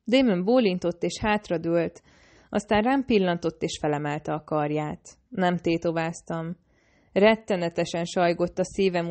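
A woman narrating a novel in the first person, reading in a steady, measured way. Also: on the low side. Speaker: audiobook narrator.

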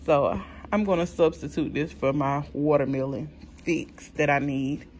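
A woman's voice: sits low, steady tone, very noisy. A woman, chatting unhurriedly to viewers as she shows her grocery haul. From South Carolina. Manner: chatty, unhurried, many ums, addresses viewers as y'all. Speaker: vlogger showing a grocery haul. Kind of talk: casual chat to viewers.

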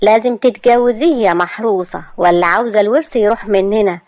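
A woman's voice: mid-range voice, fast talker, darkish tone, dry recording, lightly acted. A woman with an Egyptian accent voicing a stern mother who scolds and commands her daughter sharply. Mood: scolding.

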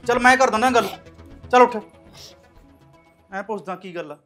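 A man's voice: very high voice, moderate pace, fairly bright tone. A man playing a young husband and son who asks what is wrong in the household. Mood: concerned. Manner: questioning, concerned. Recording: music under the dialogue.

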